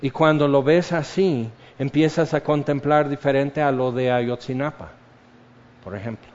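A man preaching a sermon, slow and measured, repeating key phrases for weight. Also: medium pitch, a little mellow. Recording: dull lo-fi sound.

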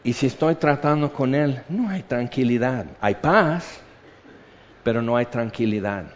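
A man preaching a sermon with passion, moving from loud emphatic lines to hushed intensity, full of repetition and rhetorical questions. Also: mid-range voice, lively intonation, unhurried, slight background noise. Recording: dull lo-fi sermon recording.

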